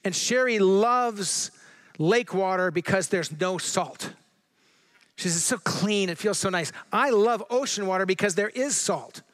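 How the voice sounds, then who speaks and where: This sermon comes from a middle-aged pastor from Southern California whose voice is high-pitched and fairly bright. He keeps a conversational tone but slows down to read scripture with emphasis.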